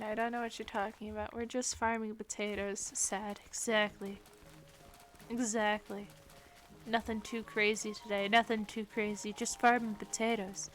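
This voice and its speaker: A woman's voice: on the high side, fairly bright tone. A woman streaming a game, chatting casually in a giggly, playful way and laughing often. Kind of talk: casual gaming stream chat.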